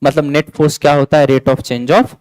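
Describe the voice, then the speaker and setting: A man's voice: a little high, fairly even intonation, moderate pace, a little mellow, no echo, low-quality recording. A man teaching a physics lecture in mix, chatty and coaxing, repeating key points and scolding students playfully. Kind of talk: classroom lecture.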